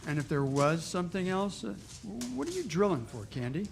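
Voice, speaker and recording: A man's voice: a little high, big pitch swings, brisk, creaky, slight background noise. A man playing an easygoing, slightly awkward homicide inspector in 1940s radio drama style, folksy and hesitant. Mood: guarded.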